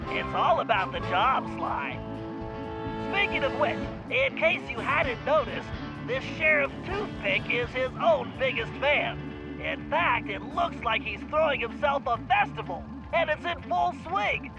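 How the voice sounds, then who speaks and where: A man's voice: very high voice, lively intonation, measured pace, heavily acted, rough recording. An actor playing a nerdy, eager male turtle planner in a game cutscene, briefing and making puns. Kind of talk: video game cutscene acting. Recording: game music underneath.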